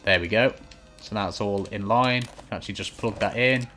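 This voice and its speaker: Hosting a game walkthrough, a man with a fairly low voice speaks fairly quickly in a bright, forceful tone, keeping it casual, instructional, matter-of-fact, and reassuring. Behind him is clear noise and some clicking, from a noisy home recording.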